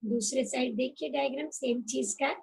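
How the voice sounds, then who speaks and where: A woman's voice: high-pitched, steady tone, moderate pace, vocal fry, crowd noise, low-quality recording. A woman teacher giving an online class, patiently repeating key terms and checking that students follow. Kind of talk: online class lecture mixing Hindi and English.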